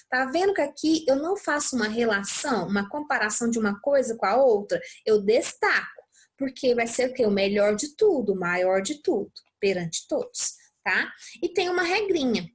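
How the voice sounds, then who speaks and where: A young adult Brazilian woman teaching English, explaining a worksheet step by step and often checking in with her students. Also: high voice. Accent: Brazilian Portuguese. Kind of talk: recorded lesson walkthrough.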